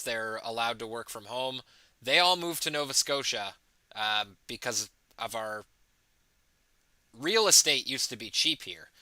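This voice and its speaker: Man, livestream host, very bright crisp voice, rambling casual commentary. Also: mid-range voice, no echo. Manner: rambling, many fillers and restarts, reads out viewer comments. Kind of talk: casual live election commentary.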